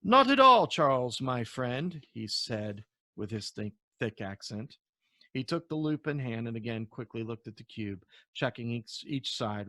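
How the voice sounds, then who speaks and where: A man, the author himself, reads his novel aloud as storybook narration, telling it expressively with occasional stumbles. His voice is lowish and there is no room sound.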